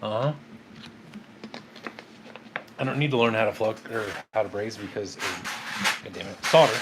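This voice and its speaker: A man with a fairly low voice banters and jokes at a normal pace while working on a truck in his home garage, cursing when parts won't fit. He's a guest co-host, recorded on the host's phone set on a tripod, with background noise audible.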